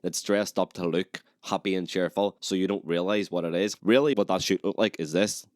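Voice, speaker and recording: A young man with a low, deep voice holds forth alone as a podcast host. He rants with biting sarcasm and swears freely, and the sound is dry and close, with no room around it. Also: brisk, darkish tone, no room sound. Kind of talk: opinionated solo monologue.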